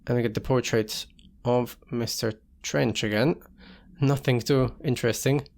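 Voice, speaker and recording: A man's voice: mid-range voice, steady tone, unhurried, vocal fry, a little mellow. Casual male gamer narrating his playthrough. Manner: casual, talks himself through the action. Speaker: video game let's player. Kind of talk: gameplay commentary, reading in-game documents aloud.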